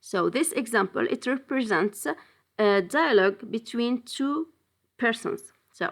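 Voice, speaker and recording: Slow, higher-voiced woman teaching French. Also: animated. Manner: explains slowly, switching between French and English; frequent hesitation fillers. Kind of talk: bilingual language lesson.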